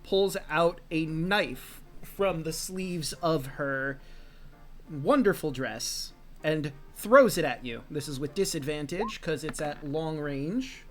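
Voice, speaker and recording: A man's voice: a little high, animated, takes it slowly, fairly bright tone, faint music behind. A man running a tabletop game as game master, narrating the action and dice rolls in an easygoing way, often laughing.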